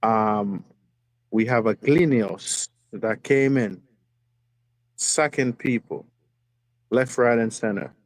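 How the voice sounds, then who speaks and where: Speaking slowly with frequent pauses, a man with a fairly low voice rants with passion to a football fan stream, repeating lines for emphasis in a casual tone. He's on a phone video call. There's no room sound, but the recording quality is low.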